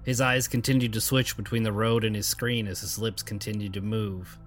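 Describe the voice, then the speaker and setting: Calm male horror story narrator. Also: fairly low pitch, moderate pace, faint music behind. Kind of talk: scripted narration.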